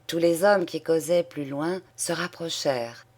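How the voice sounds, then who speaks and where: A woman narrates a classic story at a calm, measured pace. Her voice sits notably low for a woman and stays even and unhurried. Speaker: reader.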